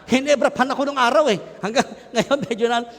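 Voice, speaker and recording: A middle-aged Filipino man preaching a lively sermon, joking and shouting with his congregation. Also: extremely high pitch, fairly quick. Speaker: pastor. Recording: long hall reverb.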